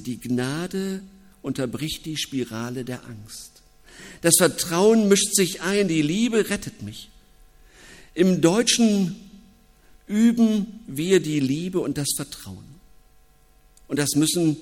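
Slow-speaking pastor in a reverberant church. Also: male voice, a little high. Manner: reflective, personal, with pauses. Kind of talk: sermon.

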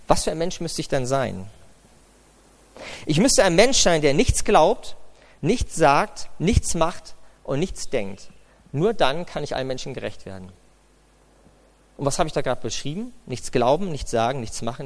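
A man's voice: a little high, lively intonation, moderate pace, pauses often. A man preaching a sermon, emphatic, with rhetorical questions and repeated key phrases.

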